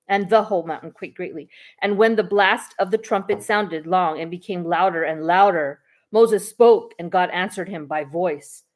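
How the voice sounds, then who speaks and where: Lady reading bible verses out loud, careful and steady, trips on a word sometimes. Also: medium pitch. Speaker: scripture reader.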